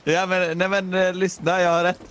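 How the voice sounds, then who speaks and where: A young man gaming with a friend, chatting casually and lively. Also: high voice, noisy background. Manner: lively, jumps into loud squeals. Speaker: co-op gaming partner. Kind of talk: casual co-op gameplay chat.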